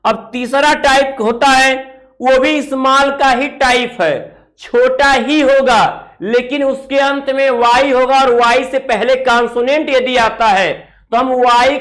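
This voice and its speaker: A man's voice: extremely high pitch, slow pace, a bit bright, low-quality recording. A man teaching a grammar lesson, explaining step by step, repeating key words and asking rhetorical questions as he writes on a board. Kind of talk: classroom lesson.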